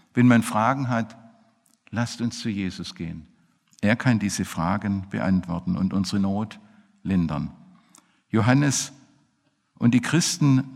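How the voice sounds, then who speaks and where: A man preaching a sermon in a church, emphatic, swinging between loud outbursts and low murmurs. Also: creaky. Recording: echoey hall reverb.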